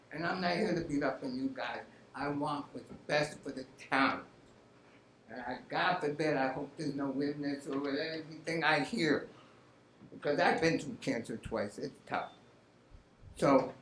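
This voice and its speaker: An older man with a hoarse, raspy, strained voice making plain-spoken public remarks as a resident, in short halting phrases. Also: a little high, fairly bright tone. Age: 60s or older. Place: indoor council meeting room. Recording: echoey meeting room, faint noise.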